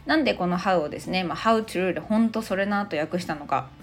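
A woman's voice: fairly low pitch, a little fast. A woman in her thirties hosting a casual podcast language lesson, playful and chatty as she explains. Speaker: English teacher and podcast host.

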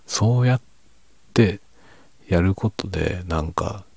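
A man talking quietly and casually in a low late-night monologue, reflective and self-deprecating in a soft-spoken way. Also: slow, gravelly, slightly rough, no echo. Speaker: streamer and hobby novelist.

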